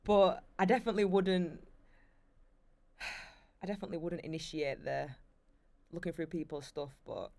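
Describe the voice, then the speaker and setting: A woman's voice: fairly low pitch, normal speed, creaky, pauses often, no echo. A young woman, telling stories animatedly as a guest in a casual interview. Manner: chatty, animated storyteller with lots of fillers.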